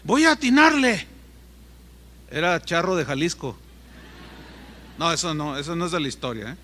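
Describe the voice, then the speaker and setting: Man, pastor's sermon, high bright voice, long hall reverb, storytelling with asides. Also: a little fast, slight background noise. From Mexico. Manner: animated storytelling, asides to the congregation.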